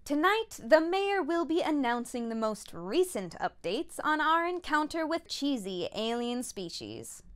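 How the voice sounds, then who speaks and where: A woman's voice: high voice, sing-song, a little slow, few pauses. A woman playing a chipper female TV news anchor with a formal newscaster delivery in a comedy sketch. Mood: announcing.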